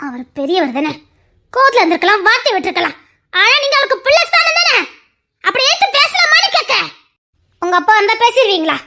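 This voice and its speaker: A woman's voice: very high voice, very animated, brisk, pauses often, sharp tone, a little hiss or hum, exaggerated voice. A woman voicing an indignant young wife who sharply scolds the men and defends her husband in an audio family drama. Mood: scolding.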